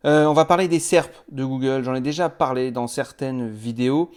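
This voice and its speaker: Man, web trainer, casual tutorial, mid-pitched voice, relaxed step-by-step explaining, hesitant fillers. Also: moderate pace, clean tone. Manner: chatty, explains step by step with frequent "euh" fillers.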